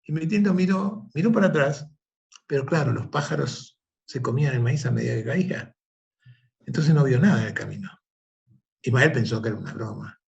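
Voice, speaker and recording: A man, the guest of an interview, telling a parable and reflecting in an animated, conversational way. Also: mid-range voice, a little fast, creaky, dull audio. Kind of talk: conversational storytelling.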